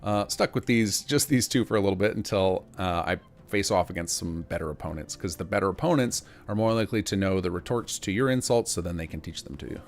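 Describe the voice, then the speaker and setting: A man's voice: low-pitched, quick pace, hardly any pauses. A man giving casual gameplay commentary as a developer, informal and explanatory. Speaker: game mod developer giving a demo. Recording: faint game music behind.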